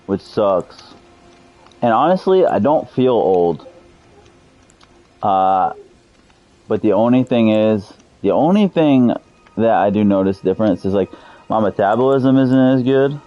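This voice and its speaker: A man's voice: fairly low pitch, expressive, a little slow, pauses often, dull audio. A man in his thirties streaming a game, chatting loosely and cursing freely with his viewers. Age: 30s. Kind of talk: casual live-stream chat.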